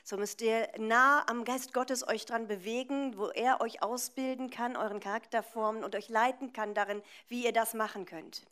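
Woman church interpreter, fairly high voice, relaying a sermon bit by bit. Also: fairly even intonation, normal speed, hardly any pauses, a bit bright. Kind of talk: live consecutive interpreting of a sermon.

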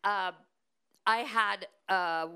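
A middle-aged American woman preaching at a conference in short, deliberate phrases, pausing for an interpreter. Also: medium pitch, sharp tone, clean tone. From United States. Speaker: guest preacher.

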